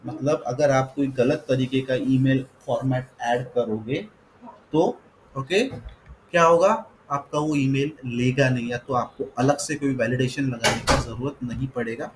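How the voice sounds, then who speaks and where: A man's voice: medium pitch, measured pace, slight background noise, poor audio. A man teaching a coding tutorial, mixing Hindi and English, saying "okay" often and spelling words out letter by letter. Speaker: coding instructor. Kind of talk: screen-recorded coding tutorial.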